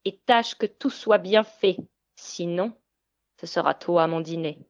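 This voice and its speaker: A woman's voice: on the low side, dry recording, muffled recording. Baba Yaga, a woman doing a menacing old witch. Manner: growling, threatening, drawn-out words. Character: menacing old female witch, gruff and greedy. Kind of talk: storybook reading.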